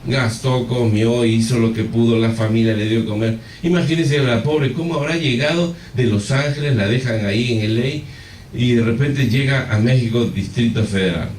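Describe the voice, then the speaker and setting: A man's voice: medium pitch, moderate pace, darkish tone, a little hiss or hum. A man pastor preaching a sermon, telling a story with animation and speaking straight to the congregation. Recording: echoey hall, far from the mic.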